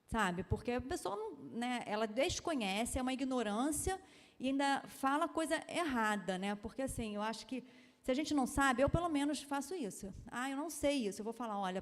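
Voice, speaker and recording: A Brazilian pediatrician giving a lecture, in a chatty way with many tag questions and quoted voices. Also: female voice, a little high, big-room sound. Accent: Brazilian Portuguese. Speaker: pediatrician giving a seminar talk. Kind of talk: lecture talk. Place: university lecture hall.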